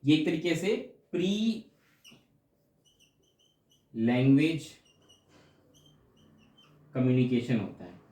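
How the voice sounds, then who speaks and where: A man's voice: medium pitch, lively intonation, takes it slowly, pauses often, warm tone, echoey room. A male teacher giving an explanatory exam-prep lecture, going over each point again and checking in with his students. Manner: explanatory, repeats points with frequent check-ins.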